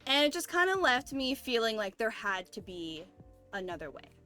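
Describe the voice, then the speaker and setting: Bright, high-voiced young woman chatting over music. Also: big pitch swings, moderate pace. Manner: earnest, reflective storytelling with frequent 'like'. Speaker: member of a streamer group of artists. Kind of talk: casual group stream chat. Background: background music.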